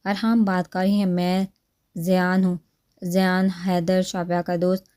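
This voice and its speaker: A woman plays an earnest young man in a romantic storybook. He speaks hesitantly and carefully, in a mellow, darker tone. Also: fairly low pitch, little pitch movement, clear, resonant tone, lightly acted.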